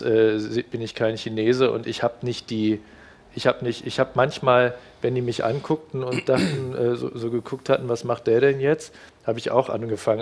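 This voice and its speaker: Middle-aged man, hesitant studio guest on a headset mic, lots of fillers and restarts. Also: mid-range voice. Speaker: reporter recounting a car fair visit. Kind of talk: studio discussion.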